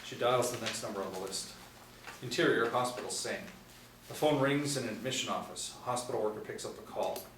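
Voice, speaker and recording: A middle-aged man with a medium-pitched, fairly bright voice reads stage directions a little quickly, narrating from the script at a screenplay table read. The group sits together in a small indoor room. The mic is distant, so the sound is roomy with faint room noise.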